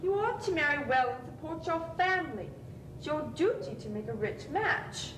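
A woman's voice: high-pitched, very animated, normal speed, reverberant. Wealthy, domineering old aunt, played by a woman in a stage drama, imperious tycoon manner, distant and noisy recording. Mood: scolding. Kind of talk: amateur stage play acting. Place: theatre stage, indoors. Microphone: far camera.

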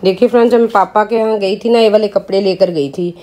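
Quick-paced and medium-pitched, her darkish voice keeps fairly even intonation. This thirtysomething mother has a sore throat and chats through a casual home vlog, carrying her phone through the kitchen and rooms. She speaks to her audience as friends.

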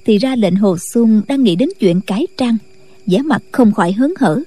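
A woman narrating a martial-arts novel in a steady, scripted late-night storytelling style. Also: on the high side, moderate pace, slightly rough. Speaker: audiobook narrator.

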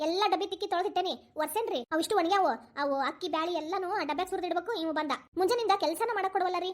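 A woman's voice: very high-pitched, racing. A woman doing a harried Dharwad young mom. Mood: complaining. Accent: Dharwad Kannada. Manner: scolding, complaining. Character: busy harried young mother.

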